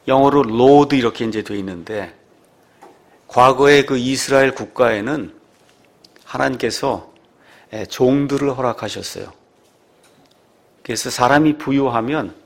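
A man's voice: mid-range voice, vocal fry. A middle-aged man preaching a sermon, explaining patiently and rising to emphatic exclamations. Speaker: pastor.

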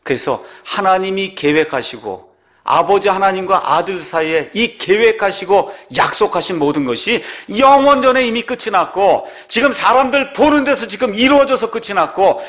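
A male pastor delivering a sermon in a fairly high voice that swings widely in pitch. He slows down to read scripture and keeps putting rhetorical questions to the congregation. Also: a bit bright. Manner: reads scripture slowly, rises and drops sharply in pitch.

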